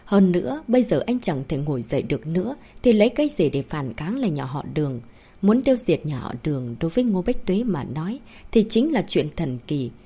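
A woman narrating a novel as an audiobook, reading steadily and slowing down for dramatic moments. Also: fairly low pitch, dark tone, slightly rough.

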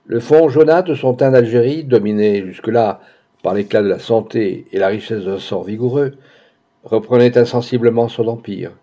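A man reading a novel aloud as an audiobook narrator, in a measured, literary style, on a dull lo-fi recording. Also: mid-range voice, warm tone.

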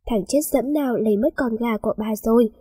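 A woman voicing a miserly old village woman who yells curses, in a spoken story. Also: on the high side, fairly quick, breathy edge, no echo. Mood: furious. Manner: yelling curses.

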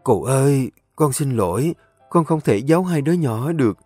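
A man's voice: medium pitch, animated, moderate pace, mellow, breathy edge, no room sound, soft background music, voice pushed up. A man voicing a determined, tender young woman from the countryside, talking in an emotional, pleading way. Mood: gentle.

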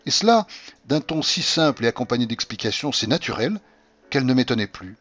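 A man reading a classic novel aloud as an audiobook narrator, with expressive storytelling delivery. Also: mid-range voice, brisk, soft background music. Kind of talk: scripted literary narration. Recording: dull lo-fi audio.

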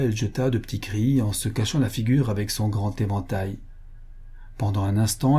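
Guy reading an old novel aloud, mellow husky voice, steady pace. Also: on the low side. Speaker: audiobook narrator. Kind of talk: scripted literary narration.

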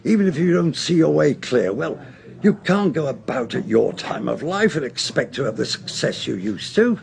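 An actor playing a blunt, teasing English police inspector in a radio drama, matey and colloquial, with a gravelly voice. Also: male voice, medium pitch, sing-song, normal speed, a little mellow.

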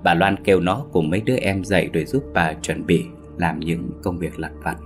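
A man narrating a ghost story in a steady, measured way. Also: low-pitched. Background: faint background music.

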